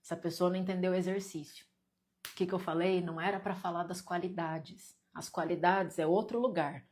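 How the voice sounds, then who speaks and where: A woman's voice: on the low side, steady tone, brisk, a little mellow. A Brazilian woman hosting a live stream and guiding viewers through an exercise. She reads their comments aloud and talks to them in a direct, teasing way, repeating points and pressing them.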